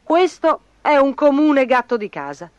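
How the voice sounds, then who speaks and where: A calm farmer dad who speaks plainly and sensibly, as a woman puts him on. He sounds steady and matter-of-fact, a storybook parent. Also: sits high, unhurried, dry recording, dull audio, pitched above the performer's own voice.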